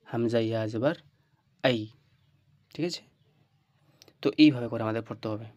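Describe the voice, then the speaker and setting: A male Quran teacher leads an online tajweed lesson at a very unhurried pace. He repeats each letter sound in a patient drill and keeps checking that the listener follows. His voice is close and dry, with no room echo. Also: medium pitch, a little mellow. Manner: slow, repetitive drilling with frequent checks "right?".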